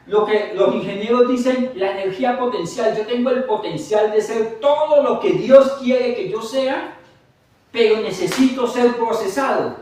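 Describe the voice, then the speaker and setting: A man preaching a sermon as pastor, animated, with humorous asides to his congregation. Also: very high voice. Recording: echoey hall, mic at a distance.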